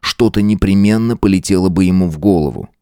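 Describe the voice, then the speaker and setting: A man narrating an audiobook in a steady, measured way. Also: low voice, clean tone, dry recording, studio quality. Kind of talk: scripted narration.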